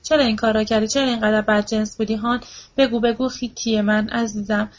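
A frantic old widow, shrill with grief, pleading and repeating herself over and over, as a woman reads her part aloud. Her voice sits fairly high but moves little, and the audiobook recording sounds dull and lo-fi. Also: fairly even intonation, natural voice.

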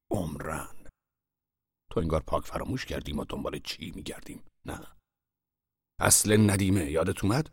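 An actor playing an irritable old master painter who scolds and lectures in a gruff voice. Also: male voice, extremely low pitch, no room sound, clean studio sound, exaggerated voice. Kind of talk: audio drama acting.

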